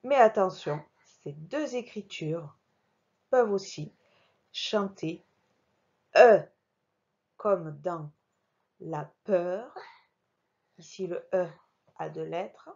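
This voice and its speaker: Woman primary teacher, remote phonics lesson, measured and patient delivery, lower voice, muffled home recording. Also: gravelly, darkish tone. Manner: slow, careful, articulating each sound; talks while working the mouse on screen. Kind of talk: remote reading lesson for young children.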